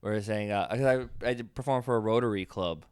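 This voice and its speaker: Male comic, podcast co-host, rambling anecdotes, smooth clear voice, middle pitch, dry booth sound. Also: quick pace, darkish tone, no room sound. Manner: rambling storyteller, laughs through his own anecdotes. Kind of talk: casual podcast chat.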